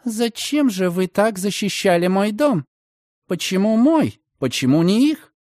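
A man voicing a proud, sharp-tongued young woman who talks in a high, accusing tone. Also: lively intonation, unhurried, no room sound, clean studio sound. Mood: indignant.

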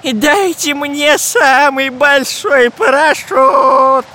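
Brief: squealing cowardly spy, very high voice, slow drawn-out wails. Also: male voice, a little hiss or hum, heavily acted. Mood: panicked. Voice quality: shrill, squealing. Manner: drawn-out wailing shouts. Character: shrill cowardly long-nosed male spy.

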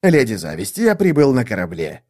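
A man's voice: mid-range voice, huge pitch swings, moderate pace, a little mellow, slightly rough. A man voicing a sly, muttering male mage. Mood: eager. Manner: conspiratorial muttered asides. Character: sly, scheming male mage, lecherous and babbling.

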